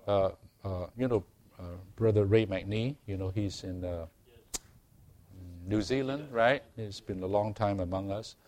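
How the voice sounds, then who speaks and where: A man preaching a sermon to a congregation, earnest and unhurried, growing emphatic as he reads and explains scripture. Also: on the low side, a little mellow. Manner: slow, earnest, calls for amens, rising to emphatic preaching.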